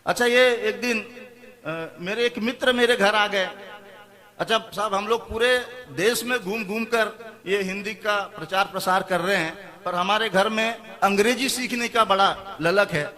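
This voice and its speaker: A middle-aged man, a comic poet, telling funny stories on stage with quick switches into quoted voices. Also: high voice, sharp tone. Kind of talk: stand-up storytelling.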